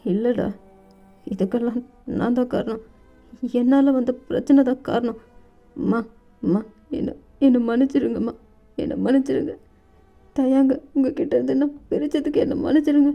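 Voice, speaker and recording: A woman's voice: sits high, fairly even intonation, normal speed, gravelly, long pauses. A woman voicing a grieving young woman who stammers and pleads through tears, in a storybook reading. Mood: sobbing. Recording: dull lo-fi recording with faint music.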